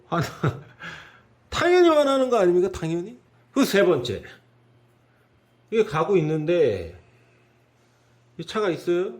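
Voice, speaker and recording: A man giving a driving lesson, talking in an animated way and asking the listener rhetorical questions. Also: high voice. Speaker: driving instructor.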